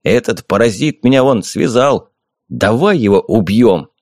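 A man voicing a boozy, bearded middle-aged warrior who pleads and complains in shrill outbursts. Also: animated, a little slow, darkish tone, no room sound, clean studio sound. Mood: whining.

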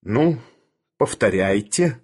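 A man voicing a steely young male doctor who speaks in a cold, commanding, deliberate way, with a husky voice. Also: fairly low pitch, animated, darkish tone, exaggerated voice. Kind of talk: audiobook character voice.

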